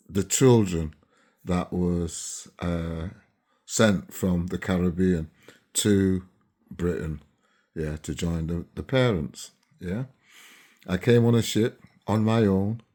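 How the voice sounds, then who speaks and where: Talking casually to camera, this Barbados-born vlogger in his seventies is chatty and often checks in with his viewers. He has a low-pitched, darkish voice.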